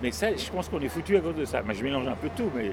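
A man, a singer-songwriter guest, talking in a casual radio conversation, animated, opinionated and a bit cynical. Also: medium pitch, rapid-fire. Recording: busy crowd noise behind.

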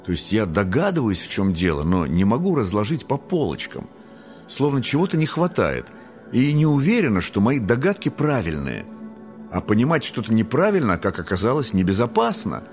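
A man voicing a young, rebellious and curious girl angel who talks in excited squeals. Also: lowish voice, normal speed, faint music behind. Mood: earnest.

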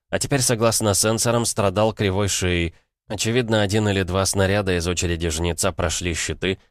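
A man reads a first-person audiobook in a wry, colloquial manner. His voice is very low and deep. The sound is close and dry, with no room around it. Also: no echo. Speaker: audiobook narrator.

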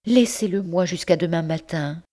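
A woman's voice: on the low side, normal speed, mellow, pitched above the performer's own voice, lightly acted. A woman voicing a frail young mother in an audiobook, pleading in a trembling voice.

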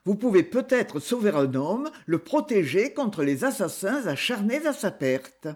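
A man voicing an anxious middle-aged master mason who pleads and stammers, with a husky, lively voice. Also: high-pitched, a little slow, full character voice. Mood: anxious pleading. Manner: pleading, flustered.

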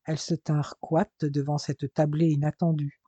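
A narrator reading a story aloud in an even, unhurried way, in a dull lo-fi recording. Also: mid-range voice, slightly rough, dry recording. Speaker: audiobook narrator.

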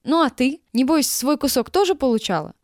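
A woman's voice: sits high, lively intonation, a little fast, no echo, clean studio sound, voice pushed up. A woman reader voicing a tough woman cook who is blunt, mocking and cutting. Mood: commanding.

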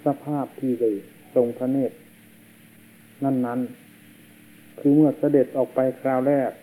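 A man, a monk, giving a slow and solemn sermon, heard on an old worn tape. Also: medium pitch, level tone, warm tone, low-quality recording. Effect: old worn tape recording.

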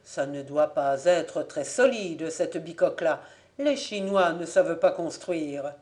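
A woman's voice: sits low, a little slow, darkish tone. A woman reading an audiobook, voicing a hot-headed young Parisian apprentice who exclaims and speaks in streetwise terms. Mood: determined.

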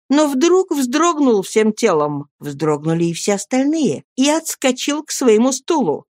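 A woman's voice: mid-range voice, a little mellow, no echo, studio quality. Woman narrating a classic novel. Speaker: audiobook narrator. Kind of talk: scripted literary narration.

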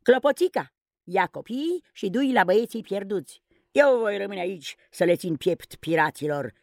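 A woman plays a cocky boy hero who gives orders with easy confidence. The voice sits fairly low for a woman but lifts above her narrating tone, husky and a little gravelly, close and dry in a storybook recording. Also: sing-song, darkish tone, no echo, exaggerated voice. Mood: urgent. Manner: confident, bossy. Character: boyish hero, bold and commanding leader.

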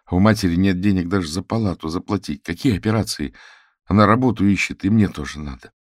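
A man's voice: low voice, fast, dry recording, clean studio sound. A man reading the part of a despairing young male student sorcerer, talking in tense, bitter bursts.

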